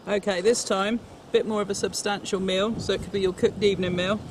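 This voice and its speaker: High, even-toned man cooking outdoors. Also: brisk. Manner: chatty, instructive, talks through each step as he works. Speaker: cook demonstrating camp recipes. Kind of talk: step-by-step cooking demonstration. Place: outdoors at a fishing lake. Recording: noisy outdoor recording.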